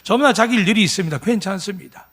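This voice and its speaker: A man's voice: high-pitched, expressive, quick pace, a bit bright. A pastor in his fifties preaching at a Sunday church service, emphatic and full of rhetorical questions to the congregation. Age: 50s. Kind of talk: sermon.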